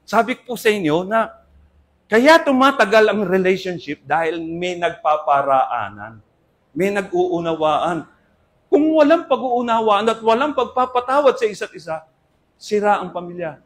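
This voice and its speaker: Older filipino preacher guy, pretty high voice, polite sermon talk, keeps asking for amens. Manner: addresses audience with polite po and asks Amen po ba.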